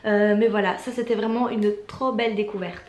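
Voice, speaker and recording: A woman's voice: medium pitch, fairly even intonation, a little fast, a little mellow, a little hiss or hum. A young woman in her twenties chatting enthusiastically about her favorite products, with lots of fillers. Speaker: beauty and lifestyle vlogger. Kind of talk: casual product favorites talk. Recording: echoey room.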